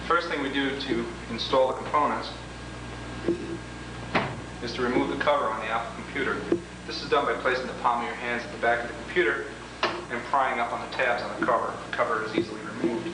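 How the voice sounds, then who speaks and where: Recorded in an echoey room full of equipment, on what's clearly noisy old home video, a man leads an instructional product demo. His mid-range voice stays fairly even and a little fast as he formally explains every step in order.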